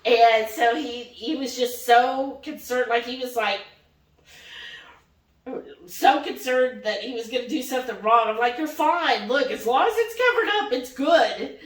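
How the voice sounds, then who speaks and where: A vlog host tells a personal story casually, animatedly acting out the dialogue and often quoting it in acted voices. Her voice sits on the high side and is a little slow. The recording has a roomy echo from a distant microphone.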